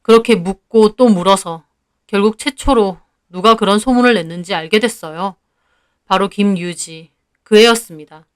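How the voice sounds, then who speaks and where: A woman narrating a first-person story in an even, measured storytelling manner. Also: medium pitch, clean tone.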